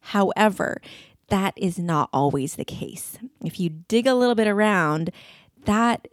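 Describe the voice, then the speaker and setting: A woman talks straight to her listeners in a relaxed, chatty way, building a scene and stopping to ask rhetorical questions. She has a middle-range voice. The recording is dry and close, with almost no room sound. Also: medium pitch, unhurried, no echo. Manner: conversational, animated storytelling with rhetorical questions. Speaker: podcast host. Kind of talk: casual solo talk.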